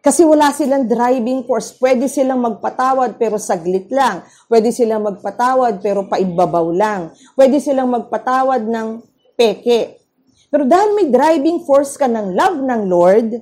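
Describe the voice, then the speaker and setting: A woman with a Filipino accent preaching a devotional at a prayer meeting, telling stories with lively rises and drops. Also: fairly high pitch, measured pace. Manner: animated storytelling with sudden rises and drops. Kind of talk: devotional sermon.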